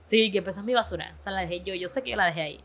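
A woman hosting a casual chat with friends, telling stories about her sister in a lively, chatty way. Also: medium pitch, very fast. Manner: chatty, animated storytelling. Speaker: podcast host.

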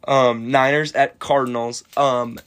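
A man's voice: mid-range voice, flat delivery, measured pace, fairly bright tone. A young American man hosting a casual sports betting chat, talking like a frat bro with slang, swearing and banter. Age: young adult. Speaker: sports betting podcast host.

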